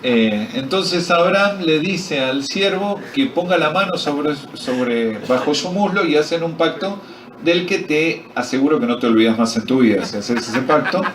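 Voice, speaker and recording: A man with an Argentine accent preaches to a retreat crowd, tossing them questions and dropping jokes into the story. His voice sits a bit high for a man. He is recorded from a distance in an echoey hall, with faint ambience behind him. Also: normal speed, background noise. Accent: Argentine Spanish. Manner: quizzes the audience, joking and animated. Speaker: pastor. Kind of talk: sermon at a men's retreat.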